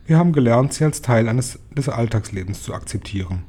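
A man doing a calm sly old grandmother. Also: medium pitch, brisk, slight background noise, natural voice. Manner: unflappable, quietly mischievous.

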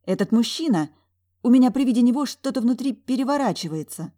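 Here is a fiery, quick-tempered young woman, as the audiobook narrator voices her, and she speaks up high and loud. Her lines come out as huffy protests, as if every remark is an outrage. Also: lively intonation. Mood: exasperated. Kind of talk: audiobook character voice.

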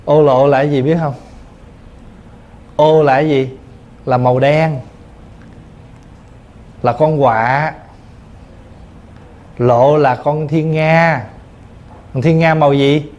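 A man's voice: fairly high pitch, fairly even intonation, slow, pauses often, a little mellow, muffled recording. A male Buddhist monk teacher giving a dharma talk, explaining patiently through simple everyday examples. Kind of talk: dharma talk answering questions.

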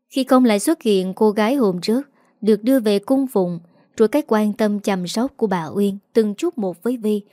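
A woman narrating a scripted audiobook in an even, steady storytelling manner. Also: mid-range voice, no room sound, clean studio sound.

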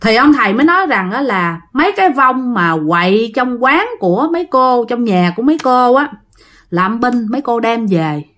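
A woman telling a ghost story in a chatty, animated way. Her voice sits fairly high and swings widely in pitch as she tells it. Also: normal speed. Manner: animated, conversational.

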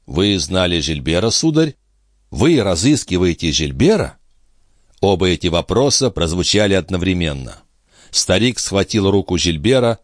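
A male audiobook narrator with a low voice, telling the story in a measured way. The sound is dry and close, with no room at all. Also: no echo. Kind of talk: scripted narration.

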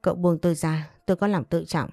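Woman reading a proud young wife talking back, cold and defiant, low dark voice. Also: fairly even intonation, fast, no room sound, clean studio sound, soft background music.

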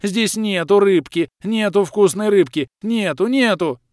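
A man voicing a small, panicky male swamp creature with a shrill, frantic squeal in an audiobook. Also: measured pace, dry recording, studio quality. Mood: panicked squeal.

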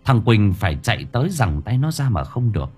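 A man narrating a story in a lively, expressive way. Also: on the low side, a little fast, husky, soft background music. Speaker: audiobook narrator.

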